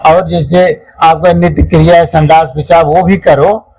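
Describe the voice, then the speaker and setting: A man voicing a kind, fatherly old guru who coaxes softly, speaking. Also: fairly high pitch, steady tone, measured pace, vocal fry, low-quality recording. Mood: gently coaxing. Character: kindly old male guru, gentle and fatherly.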